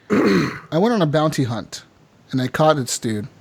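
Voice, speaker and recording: A man with a slightly high voice chats on a gaming podcast, retelling what happened in his game with lots of swearing. He talks in loose, animated bursts packed with filler words. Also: slow, creaky, slightly rough. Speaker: podcast co-host. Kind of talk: casual gaming podcast chat.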